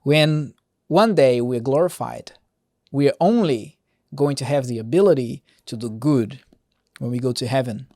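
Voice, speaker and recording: A man's voice: mid-range voice, moderate pace, darkish tone, dry recording, clean studio sound. A man hosting a podcast, reading Bible verses plainly and breaking off into casual commentary, sometimes stumbling and restarting while he explains. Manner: reads verses plainly, breaks off with asides and chuckles. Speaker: podcast host reading scripture.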